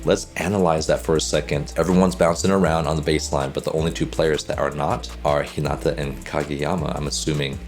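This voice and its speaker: Male coach hosting a reaction video, very low voice, chatty and analytical. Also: little pitch movement, fairly quick, few pauses, faint music behind. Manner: upbeat, chatty, breaks down what he sees. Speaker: volleyball coach and reaction host. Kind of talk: casual reaction commentary.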